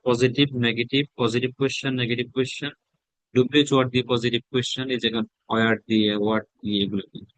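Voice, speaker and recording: A man from Bangladesh teaching spoken English, reading English sentences slowly and then translating each into Bengali. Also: medium pitch, no room sound, low-quality recording.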